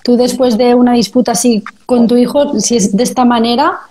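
A woman's voice: on the high side, fairly even intonation, fairly quick, dark tone, a little hiss or hum. A woman hosting a live parenting chat, talking conversationally to parents in the audience. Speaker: host of live parenting stream.

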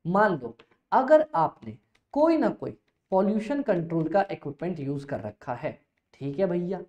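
Male lecturer, animated and jokey, plays his own students; echoey room. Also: high voice. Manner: playful, answers his own questions in a student's voice. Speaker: teacher. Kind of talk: energetic classroom lecture.

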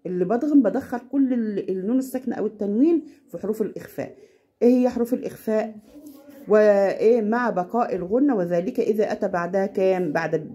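A woman with an Egyptian Arabic accent tutoring a child at home, patient and slowing down to demonstrate recitation. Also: medium pitch, dark tone, husky. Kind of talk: casual home lesson.

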